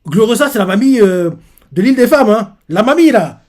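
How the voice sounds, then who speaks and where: A man's voice: high voice, lively intonation, brisk, darkish tone. A man hosting a manga reaction, casually recapping a chapter in a hesitant way with many fillers and self-corrections.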